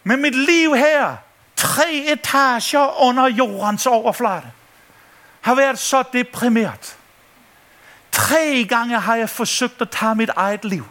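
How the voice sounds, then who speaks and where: A male pastor from Denmark delivers a lively sermon, slipping into the voices of the people in his story. His voice sits high and carries a bright, forceful ring. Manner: animated, acts out voices in his stories, laughing often.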